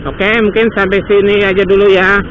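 This Indonesian man, vlogging casually from his motorbike on city roads, speaks high-pitched and flat at a moderate pace. Heavy engine roar, wind and passing vehicles come through his muffled helmet microphone.

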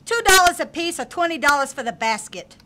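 A woman's voice: high voice, lively intonation, a little fast, bright, forceful tone. A woman voicing a brash, streetwise young girl who runs cookie scams, in a comic radio play. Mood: sassy. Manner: brash, sassy, mocking.

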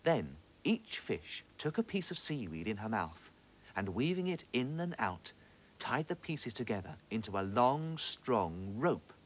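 A man reading a children's story aloud in an expressive, animated way. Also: mid-range voice, measured pace.

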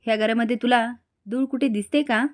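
A woman's voice: on the high side, steady tone, a little fast, close to an everyday voice. A woman reading the lines of a clever young boy in a retold serial episode, asking pointed questions. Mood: insistent.

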